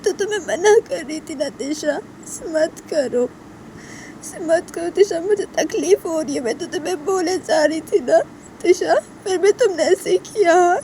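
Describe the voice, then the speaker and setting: A woman's voice: extremely high pitch, normal speed, mellow, slight background noise, voice pushed up. A woman voicing a hurt young woman who cries and scolds with repeated questions. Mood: hurt angry. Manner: sobbing, repetitive scolding questions. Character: hurt, tearful young woman, angry and unforgiving.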